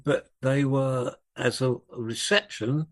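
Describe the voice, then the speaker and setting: A man's voice: mid-range voice, steady tone, takes it slowly, fairly bright tone. An older man, a drummer, telling rambling anecdotes as a guest in a conversation. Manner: rambling, self-correcting anecdotes. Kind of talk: relaxed storytelling in conversation.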